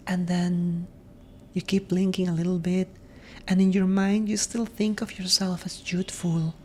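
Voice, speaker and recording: A woman gives a gentle ASMR monologue in a mellow, slightly low voice. She speaks very slowly and reflectively, breathy and often slipping into a whisper. A faint low rumble sits behind her. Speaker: ASMR host.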